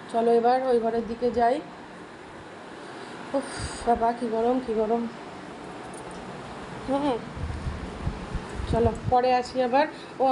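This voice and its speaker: A woman's voice: on the high side, background noise. A woman host chatting casually in a home vlog, scolding and cooing at her pets as she goes. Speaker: home vlogger.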